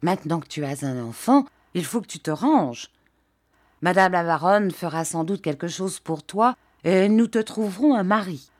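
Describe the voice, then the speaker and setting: A woman's voice: on the low side, animated, moderate pace, a little mellow, no echo, studio quality. A woman reading an audiobook, voicing a male village priest who delivers a moralizing little sermon. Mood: stern preaching. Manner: preachy, moralizing.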